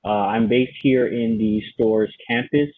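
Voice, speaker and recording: A young graduate student with roots in the Bahamas and Haiti, raised in Miami, earnestly gives a prepared self-introduction on a panel over a video call. His medium-pitched voice is steady and a little slow. The call audio is dry and phone-like, with no room sound.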